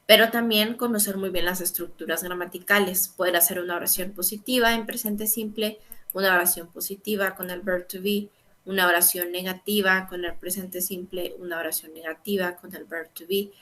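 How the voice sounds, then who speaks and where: A woman's voice: on the low side, fairly even intonation, moderate pace, fairly bright tone. A woman teaching an English grammar lesson, explaining patiently and checking in with "¿verdad?" again and again. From Guatemala. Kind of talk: online lecture explaining grammar.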